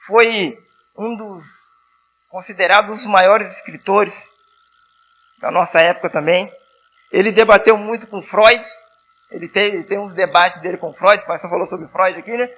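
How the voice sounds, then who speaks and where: Bright-voiced missionary man preaching. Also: high-pitched, fairly even intonation, a little slow, pauses often. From southern Rio de Janeiro state, Brazil. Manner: conversational, repeats and restarts, asks the congregation "né?". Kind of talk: sermon. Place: church hall.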